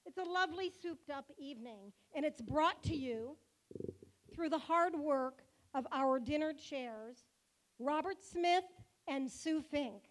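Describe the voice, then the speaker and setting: A woman, the synagogue president, giving a joking, warm-hearted speech at a banquet held in a car museum hall. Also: high-pitched, expressive, takes it slowly. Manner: playful, joking speaker.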